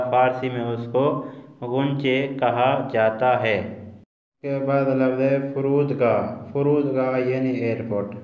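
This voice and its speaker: A man teaching a vocabulary lesson, repeating each word and its meaning twice and quizzing the listener as he goes. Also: medium pitch. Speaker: language teacher. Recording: echoey room, dull lo-fi sound.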